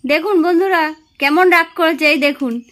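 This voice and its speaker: A woman vlogging with her family, gently coaxing and soothing an elderly mother while talking to her viewers. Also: extremely high pitch, moderate pace. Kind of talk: casual family vlog talking to camera.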